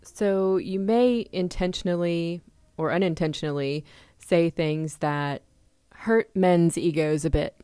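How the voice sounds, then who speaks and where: A woman giving a casual tarot reading to her viewers, chatty and quick to laugh, acting out little examples. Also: lowish voice, warm tone, clean tone, no room sound, clean studio sound. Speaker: tarot reader.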